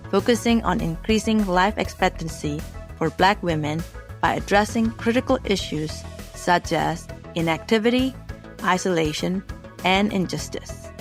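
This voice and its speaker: A woman's voice: fairly low pitch, creaky. A woman hosting a podcast, reading a formal guest introduction and then opening the conversation in a friendly way. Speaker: podcast host. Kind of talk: scripted introduction and interview.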